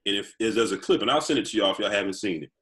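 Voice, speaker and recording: A man with a lowish but bright, forward voice, joking around on a sports podcast. He stumbles over his openings, repeating words before he gets going, and breaks into laughs easily. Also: rapid-fire. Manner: stammers on restarts, playful and laughing. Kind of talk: casual sports podcast chat.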